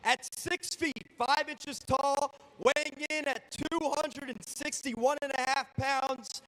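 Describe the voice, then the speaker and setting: A man's voice: very high-pitched, fairly even intonation, slow, fairly bright tone, low-quality recording. A man working as a ring announcer, giving formal, projected, ceremonial introductions.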